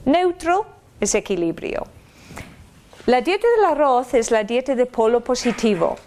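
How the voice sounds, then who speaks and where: A woman giving a live spiritual self-help talk, chatty and lively, checking in with her listeners and throwing in playful sound effects. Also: a little high. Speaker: speaker at a personal-growth talk. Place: lecture room with a live audience.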